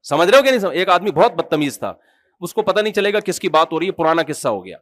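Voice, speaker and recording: A man's voice: high-pitched, no echo. A man with a Pakistani Urdu accent preaching a sermon, telling humorous stories and asking the audience questions. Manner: humorous, animated storytelling with acted quotes.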